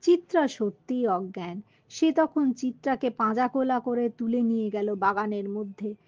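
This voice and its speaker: A woman reading a children's story aloud, slowly, sometimes rereading lines and explaining words. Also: fairly high pitch, a little mellow, no echo, muffled recording.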